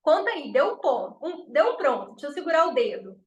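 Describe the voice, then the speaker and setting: High-voiced mineira woman teaching, chatty and reassuring, acts out quotes. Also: sing-song, brisk, highs cut off. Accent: Mineiro Brazilian Portuguese. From Minas Gerais, Brazil. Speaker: exam prep teacher. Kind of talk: informal teaching talk to camera.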